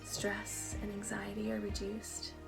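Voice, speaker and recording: A woman leads a guided breath prayer slowly and softly, leaving long pauses between short phrases. Her mid-pitched voice is hushed and breathy, settling often into creak. Clear music plays behind her. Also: monotone. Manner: slow, soft, breathy delivery with long pauses. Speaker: spiritual practice guide.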